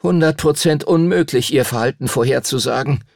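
A man's voice: mid-range voice, a little fast, gravelly, a little mellow, dry recording, clean studio sound, voice pushed up. A male audiobook narrator voicing a bookish know-it-all boy who speaks in clipped phrases and lectures. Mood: lecturing. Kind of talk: audiobook character voice.

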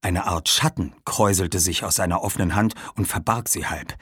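A man narrating an audiobook with lively, dramatic storytelling. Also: low voice, moderate pace, breathy edge, no echo, studio quality.

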